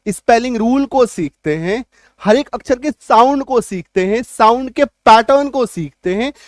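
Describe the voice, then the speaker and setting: A man teaching an English spelling lesson, explaining step by step, spelling words out slowly and loudly, and often asking whether the class is following. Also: very high-pitched, no room sound, studio quality. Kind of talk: spoken language lesson.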